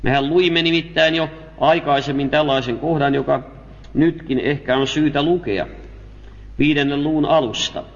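A man with a fairly high voice delivers a sermon, reading scripture and explaining it in a measured, careful way. The audio is dull and lo-fi, with long reverb from a large hall. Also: fairly even intonation. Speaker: preacher. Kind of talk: Bible teaching sermon.

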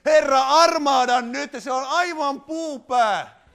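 A man's voice: very high voice, fairly bright tone, pitched above the performer's own voice. A man voicing an exasperated wife praying, pleading and mock-pious, about her stubborn husband.

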